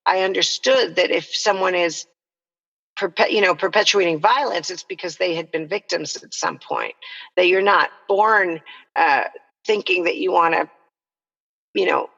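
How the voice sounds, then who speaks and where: A middle-aged Salvadoran woman, co-founder of a nonprofit, tells her story as a podcast guest in an earnest, reflective and explanatory way. Her voice is on the low side, a little slow, creaky and a bit bright. The conversational interview comes through a dull, reverberant connection.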